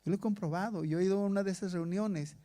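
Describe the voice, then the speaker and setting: A man's voice: sits high, quick pace, mellow. A pastor preaching a sermon to his congregation in a conversational way, asking rhetorical questions. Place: church in Stockholm.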